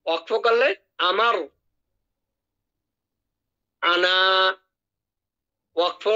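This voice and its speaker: A man teaching Quran recitation. His voice is high and bright, and he drills each word slowly and patiently. The call audio sounds dull and lo-fi. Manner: drills words by repeating them slowly. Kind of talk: online tajweed lesson.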